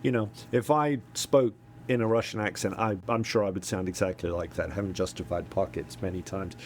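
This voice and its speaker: Low-voiced middle-aged man, halting chat. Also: steady tone, slight background noise. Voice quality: halting, lots of ums and repeats. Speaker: podcast co-host. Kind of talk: casual chat.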